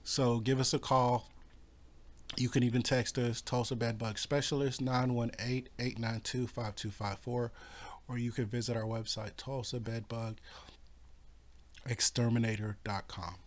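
A man who runs a pest control business explains things in casual talk, hoarse and coughing, with halting speech and many fillers and restarts. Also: medium pitch, little pitch movement.

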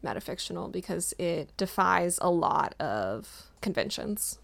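A woman's voice: on the low side, big pitch swings, a little slow, gravelly, a bit bright. A woman writer co-hosting a book podcast, chatting casually, enthusiastic and informative. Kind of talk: casual chat.

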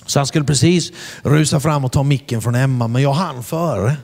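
Animated preacher man in a reverberant hall. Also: medium pitch. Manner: animated, asks the crowd "are you with me?"; shouts acted quotes in English. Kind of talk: storytelling sermon. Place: church hall before a congregation.

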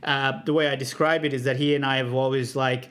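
A man's voice: mid-range voice, brisk. A man, a guest telling stories in casual chat, swearing freely and acting out both sides of conversations. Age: 30s. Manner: animated storyteller, swears freely, acts out both sides of calls.

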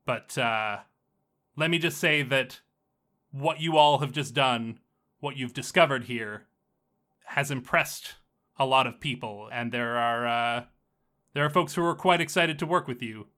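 A game master voicing a chatty mystery boss who speaks through a drone, with a metallic voice and lots of stammered restarts. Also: male voice, medium pitch, measured pace, sharp tone. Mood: smug. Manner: chatty, faltering, full of restarts.

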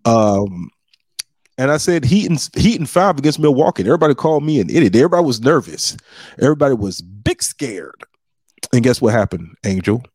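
A male podcast host and comedian trading casual, boastful banter. His mid-pitched voice is husky, and he stretches out words for emphasis. The recording is close and dry, with no room sound. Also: dry recording. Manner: boastful, animated trash talk with frequent laughs.

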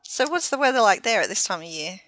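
Female co-host, bright tone, playful banter. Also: mid-range voice, big pitch swings, rough recording. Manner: playful, teasing, quick reactions. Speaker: podcast co-host. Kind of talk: casual chat.

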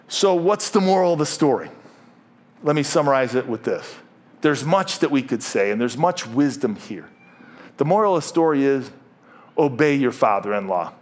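Middle-aged male pastor, slightly high voice, jokey sermon delivery with stumbles. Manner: jokey, stumbles and repeats words. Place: church.

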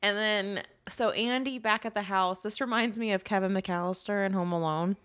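A woman co-hosting a podcast, casually recapping a horror film scene by scene in an animated way, often laughing. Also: medium pitch, normal speed, clean tone. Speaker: podcast co-host. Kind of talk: casual movie recap chat.

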